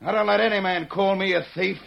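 An actor playing a shifty, smooth-talking rancher villain who blusters and evades in an old western radio drama. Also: male voice, high-pitched, steady tone, fast, fairly bright tone, full character voice. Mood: indignant bluster. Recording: muffled old radio recording, faint noise.

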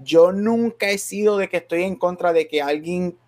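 A man's voice: high voice, normal speed, a little mellow. A man co-hosting a casual podcast chat, reasoning things out and switching often between Spanish and English. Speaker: podcast co-host.

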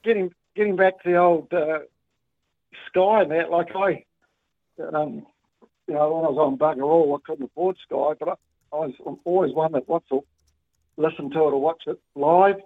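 This caller, a man with a New Zealand accent, rings a talkback show on his phone's speaker and talks at a moderate pace in a steady, highish voice. The casual call rambles, colloquial and peppered with ums and restarts. Audio is a tinny, dry phone line with no echo.

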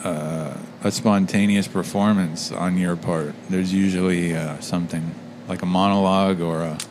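A man's voice: deep voice, steady tone, normal speed, a little mellow, a little hiss or hum. A man co-hosting a podcast in a recording studio, playing dumb in dry, playful casual chat. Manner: dry, feigning ignorance, playful. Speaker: podcast co-host.

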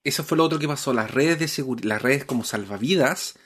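A man's voice: mid-range voice, a little fast, a bit bright, slight background noise. A man hosting a podcast, telling a historical story in casual chat, with many hesitations and restarts. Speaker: podcast host.

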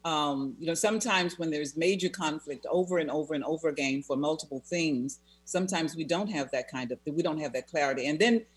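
A therapist being interviewed, speaking in a measured, reflective way and repeating phrases for emphasis. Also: mid-range voice, husky. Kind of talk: conversational interview.

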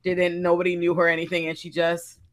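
A woman co-hosting a casual panel chat, talking in an animated, chatty way. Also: fairly low pitch, quick pace, crowd noise. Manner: animated, chatty, plugs her own work. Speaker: panel co-host.

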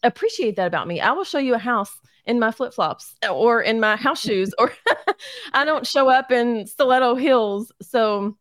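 A woman's voice: on the high side, animated, moderate pace, fairly bright tone, no echo. Casual, down-to-earth woman guest, encouraging, laughs a lot, dry close recording. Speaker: guest, realtor and short-term rental owner. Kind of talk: casual interview chat.

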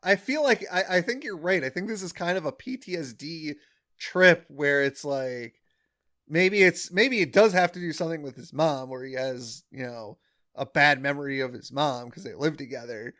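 A man co-hosting a podcast in casual chat about an episode, enthusiastic and quick to laugh, often correcting details. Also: fairly high pitch, bright, forceful tone. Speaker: podcast co-host.

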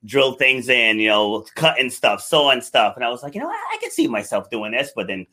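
A man with a bright, forward voice hosts a casual conversation. He chats easily and laughs often, asking questions and sharing his own anecdotes. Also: medium pitch, sing-song, brisk. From Rhode Island, USA. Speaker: podcast host.

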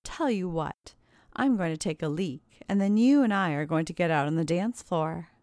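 Smug mocking bully guy, read by a woman, a bit lower, dry close sound. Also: lively intonation, moderate pace, darkish tone, no echo, natural voice. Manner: smirking and teasing.

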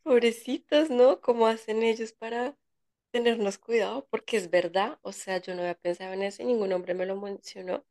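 A young Colombian woman co-hosting a podcast, chatting in a relaxed way and telling stories with quoted dialogue. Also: on the high side, moderate pace, no room sound, clean studio sound. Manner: relaxed, storytelling, quotes others with feeling. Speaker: podcast co-host. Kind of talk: casual chat.

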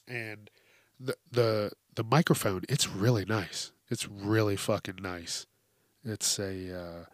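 Speaking close to a hypercardioid podcast microphone, a solo host vents in blunt, emphatic, expletive-filled rants with a casual air. He's congested from allergies, and his lowish, fairly bright voice is recorded dry.

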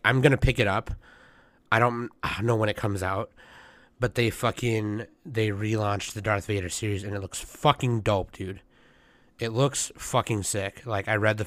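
A young man hosting a casual podcast, hoarse and congested, rambling with lots of fillers and swearing. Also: lowish voice, fairly bright tone, no echo. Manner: rambling, profane, many fillers. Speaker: podcast host. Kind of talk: casual chat.

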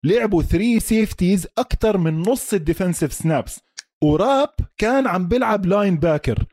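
A man's voice: high voice, animated, fairly quick, a little mellow, no echo, studio quality. A man with a Levantine Arabic accent co-hosts a casual American football chat, talking emphatically and mixing in English sports terms and checking questions. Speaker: sports podcast co-host.

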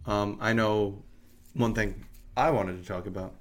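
A man's voice: on the low side, fairly even intonation, measured pace. A man hosting a podcast, chatting casually and thinking aloud about hockey schedules. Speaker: podcast host. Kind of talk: casual sports chat.

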